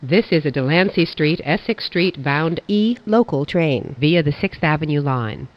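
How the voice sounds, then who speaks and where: A woman's voice: deep voice, animated. Woman's dull-sounding subway announcement. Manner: formal, measured delivery of stop and line information. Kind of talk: scripted automated transit announcement. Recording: dull, band-limited announcement audio.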